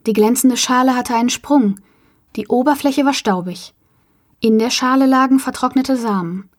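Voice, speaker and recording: A woman narrating a short story as an audiobook, her voice fairly high. She reads in a calm, measured way. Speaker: reader.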